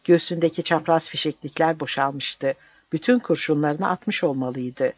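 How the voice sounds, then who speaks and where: Guy reading a story aloud, slightly higher voice, flat dull audio. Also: moderate pace, no echo. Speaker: narrator. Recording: dull dry lo-fi recording.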